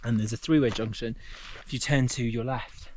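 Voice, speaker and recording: A man's voice: mid-range voice, steady tone, normal speed, a little mellow, slight background noise. Chatty man hiking a mountain trail. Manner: chatty, loose with fillers, talks while walking. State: out of breath on climbs. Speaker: hiking vlogger. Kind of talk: casual chat while hiking.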